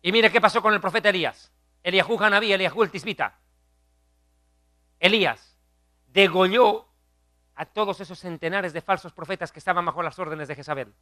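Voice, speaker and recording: A man preaching a fiery sermon, emphatic and scornful, building up to loud mockery. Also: high voice, a little fast, long pauses, no room sound, clean studio sound.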